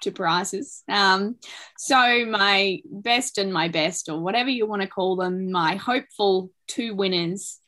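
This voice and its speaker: A woman's voice: mid-range voice, takes it slowly, pushed and bright. A woman with an Australian accent giving casual, unscripted racing tips in an informal, somewhat hesitant way. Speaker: racing show panellist and tipster. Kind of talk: casual unscripted tipping commentary.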